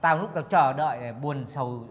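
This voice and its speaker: A man's voice: medium pitch, fairly quick, natural voice. A man playing a grumbling middle-aged motorbike-taxi driver who wails complaints and curses. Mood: aggrieved.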